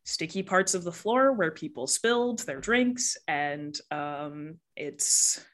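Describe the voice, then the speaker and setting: Woman game master, low voice, slow, hesitant, lots of fillers. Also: expressive, fairly bright tone. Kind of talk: narrating a tabletop game.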